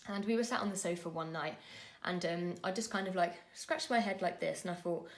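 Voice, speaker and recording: A woman, telling a personal story to camera in an earnest, conversational way with frequent pauses and fillers. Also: fairly low pitch. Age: 20s. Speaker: vlogger.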